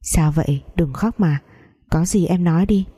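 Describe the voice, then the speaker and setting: A woman voicing a guilt-ridden young man who speaks softly and slowly to calm his lover. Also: on the low side, breathy edge. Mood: soothing.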